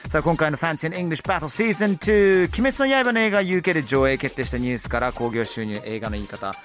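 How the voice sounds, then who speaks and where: A woman hosting a casual podcast, energetic and exclamatory, poking fun at herself. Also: low voice, brisk. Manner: energetic, exclamatory, self-mocking. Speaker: podcast host.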